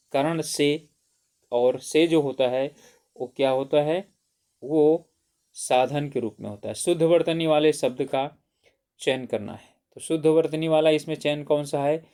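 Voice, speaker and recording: Hindi tutor asking then answering himself. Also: male voice, a little high, fairly even intonation, unhurried, darkish tone, clean tone. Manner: asks questions then answers them himself; often says "theek hai". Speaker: teacher. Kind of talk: exam-prep Hindi grammar lesson.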